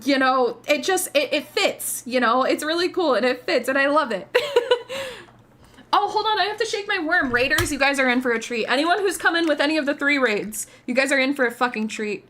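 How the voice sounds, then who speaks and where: Bubbly and gushing in an anime-streamer style, a female livestream host talks casually with her viewers and swears offhandedly. She speaks a little fast in a high, excitable voice.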